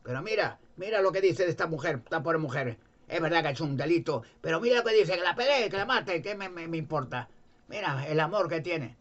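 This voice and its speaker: A man doing sneering Pharisee accusers, high and shrill. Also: brisk, lo-fi sound, lightly acted. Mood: mocking. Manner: goading, sarcastic, raised voice. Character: scheming male Pharisee accusers, mocking and shrill.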